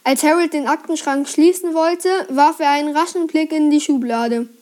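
Woman reader with a high voice, lively storybook reading for kids. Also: normal speed. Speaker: reader presenting a children's book. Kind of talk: reading a children's book aloud.

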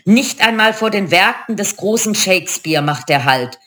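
A woman's voice: mid-range voice, lively intonation, normal speed, bright, forceful tone. Woman doing shrieking old hag witches. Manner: shrieking, wailing. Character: three old cackling female witches, gleeful and spiteful.

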